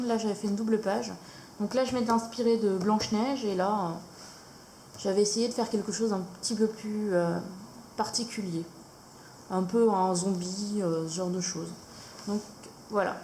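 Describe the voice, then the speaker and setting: A woman vlogger casually showing her coloring books, hesitant with many fillers and pauses. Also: medium pitch, a little mellow. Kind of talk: casual show-and-tell chat. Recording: echoey room, faint noise.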